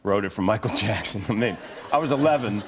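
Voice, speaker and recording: A man in a casual interview, relaxed and fond while looking back. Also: fairly low pitch, quick pace, background noise. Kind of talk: casual chat.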